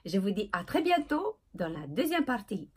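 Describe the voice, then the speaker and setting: Woman, language teacher, husky voice, animated pitch, hesitant with fillers. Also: normal speed. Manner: checks in with "ok?" after nearly every phrase; hesitant, with many filler sounds. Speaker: English teacher. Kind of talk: casual video lesson.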